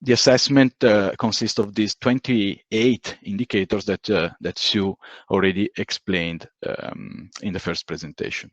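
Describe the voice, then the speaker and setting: A man speaks in a lowish, steady voice at a measured pace, presenting methodically and explaining things in a conference talk captured from an online meeting. There's no echo, and the call audio is dull and lo-fi.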